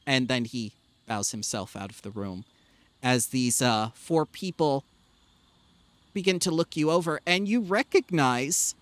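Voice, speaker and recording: A man narrating as game master in a tabletop game, animated and full of hesitant fillers. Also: medium pitch, unhurried, no echo.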